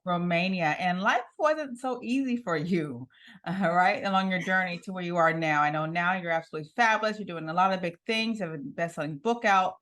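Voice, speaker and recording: A woman's voice: on the low side, fairly quick, a bit bright. A woman hosting an interview show, introducing her guest with enthusiasm and laughing often. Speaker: TV show host.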